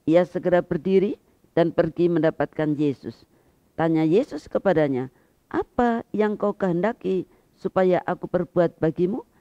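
A male preacher delivers a sermon in a lively, expressive storytelling manner, his pitch rising and falling widely. His voice is mellow and gravelly. The dry recording sounds slightly dull and lo-fi. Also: dry recording.

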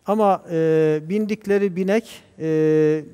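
A man speaking as a guest scholar on a religious TV program, talking in a measured, preacher-like way and reciting Arabic verses. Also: on the high side, dark tone, clear, resonant tone, in a large hall. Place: TV studio.

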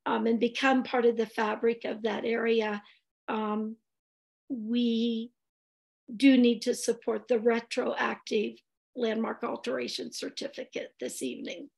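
Indoors at home, the board chair, a woman in her sixties whose voice is going, earnestly leads a public meeting over video call, stumbling through fillers and restarts. Her voice is on the high side yet gravelly and darkish, and she speaks a little slowly.

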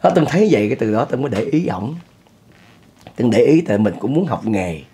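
A man's voice: medium pitch, sing-song, brisk, warm tone, breathy edge. A middle-aged man with a Southern Vietnamese accent, hosting and telling a spoken ghost story in a chatty way, talking to his listeners. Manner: chatty, addresses listeners, chuckles often. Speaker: storyteller host.

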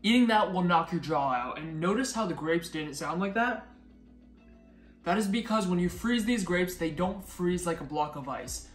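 A man's voice: high-pitched, expressive, moderate pace. A young man chatting upbeat to camera as a food vlogger, talking while he chews. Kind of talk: casual chat to camera. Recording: echoey room with faint music.

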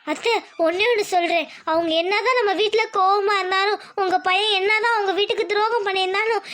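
A woman voicing a gentle young daughter-in-law for a cartoon drama. She speaks in a very high voice, earnest and softly pleading. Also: fairly even intonation, brisk. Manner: earnest, soft-spoken pleading. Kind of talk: Tamil cartoon drama dubbing.

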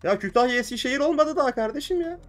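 Young man, high-pitched, animated gaming commentary, exclamations, faint background music. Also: racing. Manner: animated, exclaiming and swearing at the game. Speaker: gaming channel host. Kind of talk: excited let's-play commentary.

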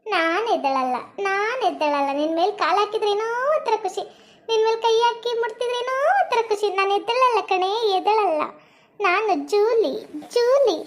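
A woman's voice: extremely high pitch, moderate pace. Julie, a woman doing a taunting bossy cellmate. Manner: taunting, sing-song repetition. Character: pushy, leering female cellmate, bossy.

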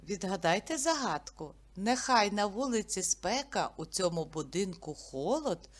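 A woman leads a reading lesson for small children. She speaks very slowly, stretching out each sound and syllable with careful enunciation. She keeps asking the children simple questions. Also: medium pitch, sing-song. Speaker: teacher.

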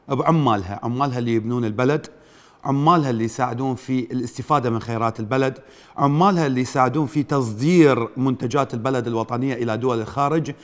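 A male radio host moves quickly through his introduction and greets callers in quick, clipped replies. His voice sits at an ordinary middle pitch. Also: big-room sound. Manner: brisk, short acknowledgements to callers. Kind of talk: radio call-in show hosting.

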